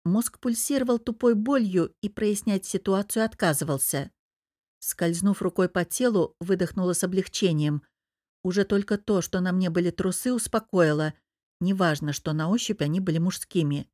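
A woman reading a first-person audiobook in an even, measured storytelling voice. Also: on the low side, no echo, studio quality. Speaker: audiobook narrator.

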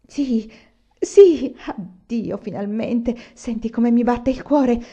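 A woman reading aloud and voicing a passionate young student who speaks with a raised, excited voice. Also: extremely high pitch, slow pace, slightly rough, lo-fi sound, voice pushed up, heavily acted. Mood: breathless joy. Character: passionate young male student, hot-tempered.

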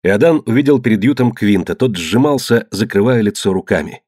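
Male audiobook narrator, measured and low, dry close recording. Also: expressive, a little mellow, no room sound. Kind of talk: scripted narration.

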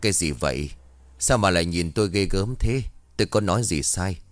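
Brief: gruff middle-aged exorcist, voiced by the narrator, low and blunt. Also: male voice, expressive, fairly quick, dry recording. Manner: blunt, matter-of-fact. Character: gruff street exorcist man in his fifties.

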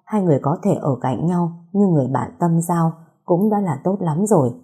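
Dark, low-voiced woman narrator. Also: expressive, brisk, breathy edge. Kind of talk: scripted first-person story narration.

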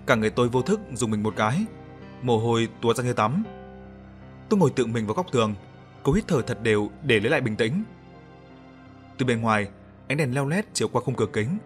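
Man storyteller, measured horror-story reading, soft music underneath. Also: medium pitch. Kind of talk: first-person horror story narration. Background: soft background music.

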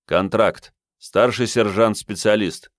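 A man's voice: on the low side, takes it slowly, dry recording, clean studio sound. A man voicing a stubborn, defiant young squad leader who speaks tersely.

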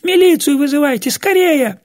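A man voicing a frantic old woman who pleads and shrieks in a strangled, hoarse voice. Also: moderate pace, lightly acted. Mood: panicked. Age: older. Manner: shrill pleading and yelling. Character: panicked old woman, housekeeper, fussy.

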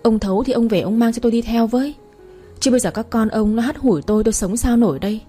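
A scornful, sharp-tongued old mother-in-law, as a woman reading a storybook puts her on, scolding fast and shrill, then sliding into a low, pitiful wail. The voice is mellow and a little husky underneath. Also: soft background music, natural voice. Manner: scolding, then wailing self-pity.

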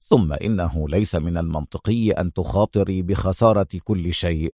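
A man voicing a cool, sardonic male secret agent, speaking low, calm and dryly mocking. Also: brisk, no echo, studio quality.

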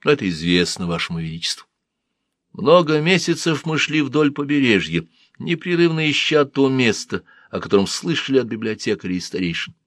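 A man's voice: mid-range voice, very animated, fairly quick, fairly bright tone, dry recording, clean studio sound, voice pushed up. A male narrator voicing a devoted royal courtier who recounts a long voyage to his queen respectfully. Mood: recounting. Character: royal expedition leader, man, devoted, storytelling.

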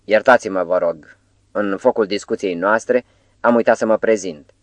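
A man's voice: fairly low pitch, dry recording, lightly acted. A man reading as a suave mysterious foreign professor. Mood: courteous. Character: mysterious foreign professor, calm, courteous, knowing.

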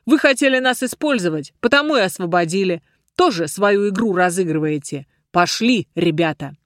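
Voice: medium pitch, animated, normal speed, a bit bright, no echo, studio quality, natural voice. A reader doing a sneering surly dwarf. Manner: sneering, mocking.

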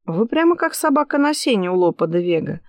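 A woman's voice: medium pitch, sing-song, brisk, no echo. A woman reading an audiobook voices a young, jealous and defiant mistress who keeps raising her voice in heated protest. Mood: indignant. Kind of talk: audiobook character voice.

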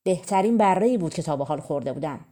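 A menacing fairy-tale ogress, put on by a woman reading aloud, roaring her accusations in a voice louder and a touch higher than the reader's own. Under the bluster the tone stays warm and low. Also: lively intonation. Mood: sly. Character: menacing female ogress, sly and threatening.

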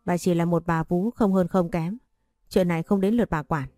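A woman's voice: lowish voice, steady tone, moderate pace, dry recording, soft background music, natural voice. A woman voicing a scornful, haughty middle-aged stepmother-in-law in a spoken story. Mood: defensive. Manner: contemptuous, shouting.

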